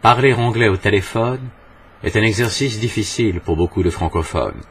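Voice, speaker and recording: A man teaching as a trainer in a scripted video lesson, measured and posing rhetorical questions to the viewer. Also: fairly low pitch, husky. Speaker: English trainer.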